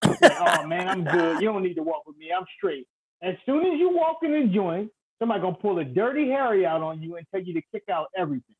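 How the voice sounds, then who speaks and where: A man calling in over a crackly, staticky phone line, talking in an animated, playful, trash-talking way. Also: high-pitched, fast talker. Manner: animated, loud and playful, vivid street storytelling. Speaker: guest predicting a boxing fight. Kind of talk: casual trash-talking chat. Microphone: cheap phone.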